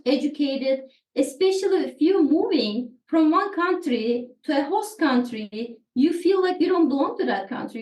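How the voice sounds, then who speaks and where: A high, warm-toned woman from Turkey speaks earnestly as a guest in a conversational podcast interview, with a Turkish accent and Turkish as her native language. She is a therapist and often repeats words while searching for the right phrasing. The room is echoey and she sits distant from the mic.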